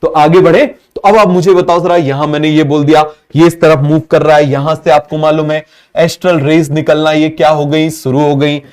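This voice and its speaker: A man teaching a biology exam-prep lesson with a Hindi accent, talking fast and constantly quizzing students with repeated questions. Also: a little high, level tone, a little mellow, smooth.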